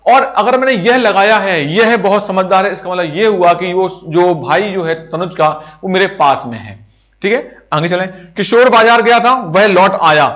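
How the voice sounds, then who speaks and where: A man's voice: sits high, a bit bright. A man teaching a grammar lesson, explaining each term step by step with repeated examples. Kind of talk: grammar lesson over slides. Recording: dull lo-fi recording.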